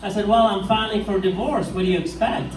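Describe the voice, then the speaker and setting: A middle-aged male stand-up comic from Iraq, with an Iraqi accent and a high voice, performs a set on a pub stage in front of a live crowd. He delivers deadpan one-liners, drawing out his punchlines slowly. The room is echoey, the mic sounds distant, and there's slight background noise.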